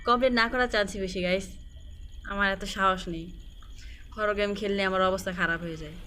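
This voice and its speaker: This woman speaks fast with a medium pitch and a sharp tone, her Bangladeshi accent clear as she casually commentates on a horror game she's playing for viewers. The creepy game music sits behind her, with slight background noise.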